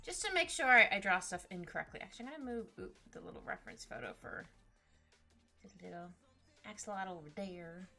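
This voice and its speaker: A woman's voice: on the low side, animated, fairly quick, gravelly. A young woman chatting casually with her live chat while she draws, giggly and bubbly, often trailing off and restarting. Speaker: streamer drawing live. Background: soft background music.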